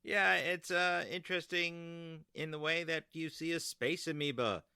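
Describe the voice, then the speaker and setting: A man hosting a podcast in casual chat, talkative and quick to laugh. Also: fairly high pitch, fairly even intonation, vocal fry, bright, forceful tone, smooth, no room sound. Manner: chatty, laughs often. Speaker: podcast host.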